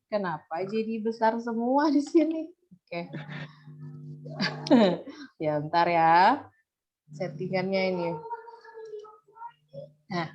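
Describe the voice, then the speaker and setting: A woman lecturer leading an online class discussion over a video call, patient and chatty with gentle teasing. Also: fairly low pitch. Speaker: university lecturer. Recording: muffled video-call audio, faint noise.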